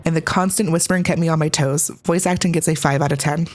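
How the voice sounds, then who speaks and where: A woman's voice: low voice, fairly even intonation, fast, darkish tone. A woman hosting a scripted game review, with a conversational, opinionated delivery. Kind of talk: scripted video review narration.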